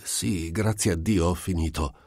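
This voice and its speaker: A man's voice: a little slow, darkish tone, dry recording, clean studio sound. A man reading an audiobook, voicing a timid elderly scientist who protests fussily in a raised voice. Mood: meek. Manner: fussy, pleading, higher put-on voice. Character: elderly male scientist, timid, gently irritable.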